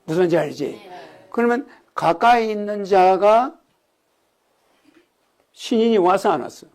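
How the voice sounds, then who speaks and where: A man's voice: sits high, a little slow, darkish tone. A man giving a rambling sermon-style religious lecture, often checking in with the audience with "you know what I mean?". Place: lecture hall.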